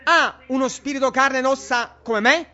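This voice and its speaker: A man voicing a calm risen Jesus who speaks with solemn authority, on a dull lo-fi recording. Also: extremely high pitch, moderate pace, exaggerated voice. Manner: solemn, declaring.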